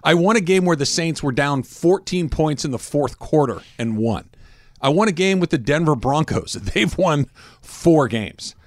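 A man's voice: a little high, expressive, moderate pace, no room sound, clean studio sound. A man hosting a sports radio show, chatting casually and laughing often.

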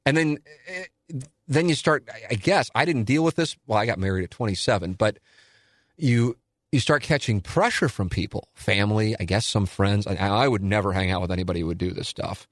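Talking briskly in a fairly low voice, a man in his forties hosts a solo listener Q&A as a radio and podcast host. His manner is candid, meandering and self-deprecating, and the studio sound is clean with no room ambience.

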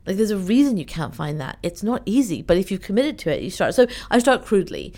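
A woman from Iran who grew up in the UK, speaking as a guest in an interview in an animated, chatty way with many fillers. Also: mid-range voice, fast talker. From Iran, raised in the UK. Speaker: event organizer, guest. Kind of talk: conversational interview.

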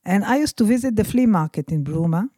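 Older woman, israeli accent, mellow warm tone, halting, restarts, dry close sound. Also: medium pitch, animated, slightly rough, no room sound. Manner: halting, restarts sentences, searches for words. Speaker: guest, mother of a comedian. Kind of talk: casual interview chat.

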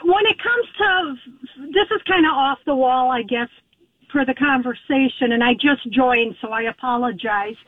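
High-voiced woman calling in over the phone. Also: normal speed, no room sound. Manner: hesitant, apologetic. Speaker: caller. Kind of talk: calling in with a question. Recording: tinny phone line.

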